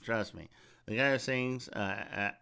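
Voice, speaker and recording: A man's voice: mid-range voice, measured pace, vocal fry, bright, forceful tone, clean tone. A man hosting a comedy podcast, telling a rambling, profane story in a loose, casual way. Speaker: podcast host.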